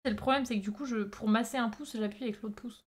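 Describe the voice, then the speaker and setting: Female streamer, slightly high-pitched, informal chat with viewers, hesitant stop-and-start delivery. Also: steady tone, fast talker. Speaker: live streamer making pottery.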